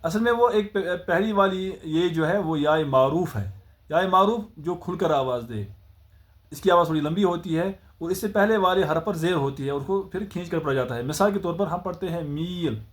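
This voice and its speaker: A man's voice: on the high side, moderate pace. A man with a Kashmiri accent teaching the Urdu alphabet, patiently sounding out each letter and explaining its pronunciation. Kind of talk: spoken alphabet lesson.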